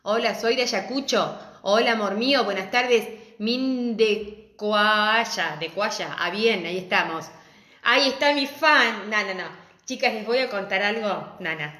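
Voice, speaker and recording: A middle-aged woman with an Argentine Spanish accent greets viewers of her live crafts class from home, chatting affectionately and laughing often in a casual live-stream style. Her voice is medium in pitch with a sharp tone, and she takes her time. The room sounds echoey.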